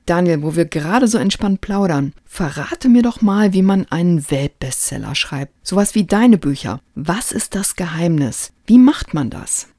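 An eager, crafty would-be author, as a woman reads him out. She keeps a low, dry voice and leans only lightly into the role. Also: animated, moderate pace, few pauses, mellow, dry recording. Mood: eager, sly. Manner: read aloud with light emphasis. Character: eager, slyly ambitious man, would-be writer.

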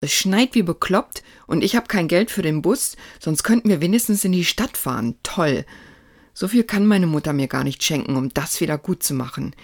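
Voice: medium pitch, expressive, moderate pace. The narrator voicing a gloomy, bossy girl who talks curtly and cuttingly. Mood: grumbling. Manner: curt, dry and cutting.

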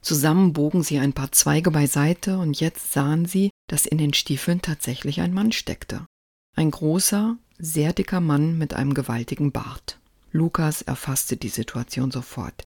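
A narrator reading a story aloud in a calm, even storytelling manner. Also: medium pitch, moderate pace, no room sound, studio quality.

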